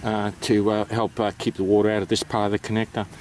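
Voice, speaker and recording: Low, flat-toned Australian man explaining informally. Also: fast talker, slight background noise. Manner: hesitant, unscripted, matter-of-fact. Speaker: amateur radio operator presenting.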